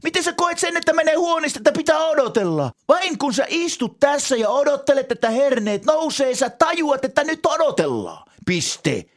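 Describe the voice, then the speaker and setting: A pushy, eccentric entrepreneur-gardener played by a man in a comedy sketch, pitching his odd ideas in a long ramble. His voice sits very high and swings widely up and down. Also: big pitch swings, hardly any pauses, a bit bright, exaggerated voice. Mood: earnest pitch.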